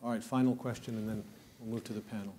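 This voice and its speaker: Brisk man moderating a panel Q&A. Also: on the low side, level tone, mellow, a little hiss or hum. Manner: brisk, polite, keeps time. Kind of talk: moderating audience questions. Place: wood-panelled hall with a seated audience.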